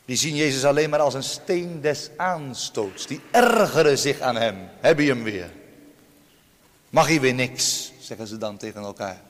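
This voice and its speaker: Emphatic preacher in a reverberant church. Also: male voice, animated, measured pace. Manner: emphatic preaching with swings in pitch and volume. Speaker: pastor. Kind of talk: sermon.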